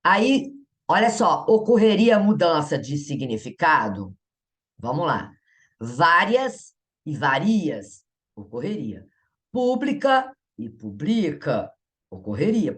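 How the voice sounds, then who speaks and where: A woman's voice: low voice, very animated, measured pace. A Brazilian woman teaching Portuguese grammar in an exam-prep lesson. She talks in a chatty way, asks the viewer questions and laughs at herself. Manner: upbeat viewer prompts.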